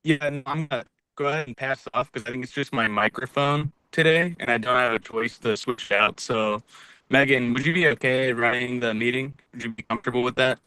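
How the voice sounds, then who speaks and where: A man's voice: medium pitch, fairly quick, sharp tone, clear, resonant tone, dry recording. A man chairing a public meeting over a video call, his voice scratchy and cutting in and out through his computer microphone. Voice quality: scratchy, breaking-up voice. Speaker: commission member chairing the meeting. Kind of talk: casual meeting talk.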